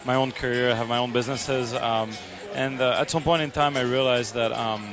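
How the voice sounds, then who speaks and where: A man's voice: mid-range voice, steady tone, a little fast. A man from the south of France with a French accent, speaking earnestly as an interview guest, with many fillers and restarts. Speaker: guest, charity supporter and restaurant owner. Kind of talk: conversational interview. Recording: music playing underneath.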